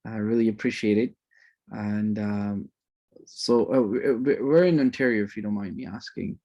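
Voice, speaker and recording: A man's voice: on the low side, moderate pace, mellow, lo-fi sound. Chatty man greeting an online class. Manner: chatty, rambling, sprinkles religious phrases. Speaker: course instructor.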